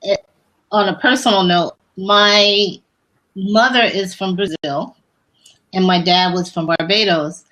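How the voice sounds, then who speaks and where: A woman's voice: medium pitch, fairly even intonation, a little slow, poor audio. A woman from the United States hosting a casual interview, telling stories about faith and travel with frequent restarts. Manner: warm faith-based storytelling with many restarts. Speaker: host.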